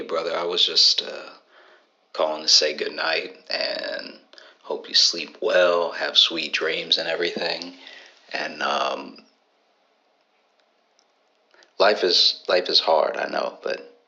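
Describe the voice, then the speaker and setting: A man doing a gravelly deep-voiced buddy. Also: steady tone, lo-fi sound, full character voice. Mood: tender. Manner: slow, soft, earnest, halting. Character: gruff tender man phoning a friend.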